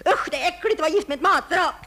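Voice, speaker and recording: A nagging housewife in a vintage radio comedy sketch. Her voice is very high and shrill, and she scolds endlessly in a reproachful, wounded tone. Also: sharp tone.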